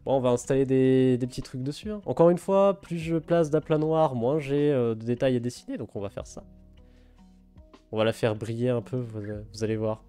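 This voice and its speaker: A man talks loosely and playfully to his stream chat as he works on a drawing. His pitch sits mid-range, and faint music plays behind him. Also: moderate pace, mellow, clean tone. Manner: chatty, reads and answers chat, teasing. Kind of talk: casual live-stream chat while drawing.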